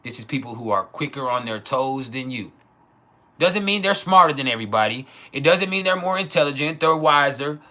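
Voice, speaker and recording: A man's voice: mid-range voice, lively intonation, brisk, sharp tone. A man hosting an astrology livestream in a casual, profane, slangy monologue, repeating phrases for emphasis.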